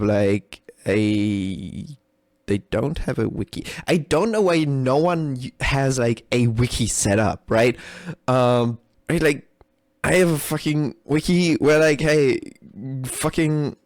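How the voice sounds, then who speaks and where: Recorded in a clean studio with no echo, a man with a mid-range, slightly mellow voice reacts on video as a game developer. His casual live commentary is unscripted, rambling, profane and self-deprecating, and he frequently dissolves into giggles and laughter.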